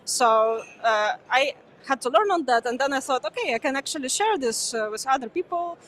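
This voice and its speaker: Interviewed as a guest at a busy conference, a young woman who grew up speaking Ukrainian talks in a relaxed but hesitant way. Her voice is high, and she often pauses on "uh" fillers and laughs lightly.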